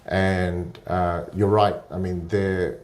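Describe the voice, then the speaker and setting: Deep-voiced male podcast guest. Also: slow. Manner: steady explaining with frequent filler sounds. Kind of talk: casual conversational interview.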